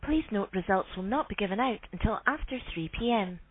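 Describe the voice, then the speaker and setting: A woman's voice: mid-range voice, breathy edge. Recorded phone menu, woman, tinny line. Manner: measured, even and formal. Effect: recorded phone message. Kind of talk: scripted automated announcement.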